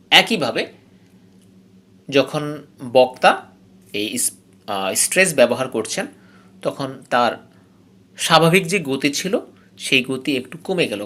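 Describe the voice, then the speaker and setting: A man with a Bangladeshi accent teaches an English phonetics lesson at a slow, explanatory pace. His voice is bright and clear, and he drills example words over and over, leaning hard on the stressed syllable. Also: medium pitch.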